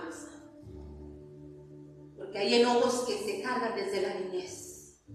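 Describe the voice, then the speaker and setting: A woman preaching a sermon in a church, stressing her points and often asking the congregation to answer back. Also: medium pitch. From Colombia. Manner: emphatic preaching with frequent call-and-response questions to the congregation. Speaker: pastor. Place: church sanctuary. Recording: very echoey hall, voice from far off.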